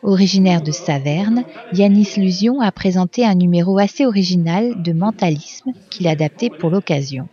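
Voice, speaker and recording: A woman's voice: fairly low pitch, lively intonation, normal speed, hardly any pauses, mellow. A woman reading scripted voice-over narration for a local report. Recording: dull lo-fi voice-over.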